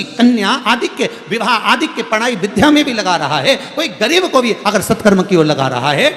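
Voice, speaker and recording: A man preaching a devotional sermon, telling a scripture story with theatrical, animated delivery, over a mic in a large echoing hall with soft music. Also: high-pitched. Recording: echoey hall with long reverb, faint music.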